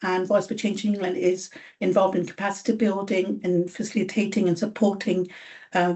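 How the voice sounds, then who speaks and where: A woman's voice: lowish voice, warm tone. A woman from Bangladesh presenting her organisation's work at a meeting over a video call. She speaks with many fillers and restarts. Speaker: charity staff presenter.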